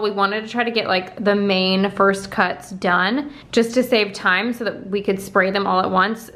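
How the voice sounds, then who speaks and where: A woman's voice: mid-range voice, fairly bright tone. A woman chatting casually to camera as a home makeover vlogger, explaining her DIY steps in an informal way.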